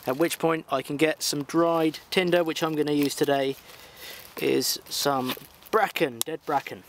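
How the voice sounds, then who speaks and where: A man's voice: fairly high pitch, a little hiss or hum. Young man explaining fire lighting outdoors. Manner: explains steps calmly while working with his hands, pauses to blow on embers. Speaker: bushcraft host. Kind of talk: instructional outdoor vlog. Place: outdoor woodland camp shelter.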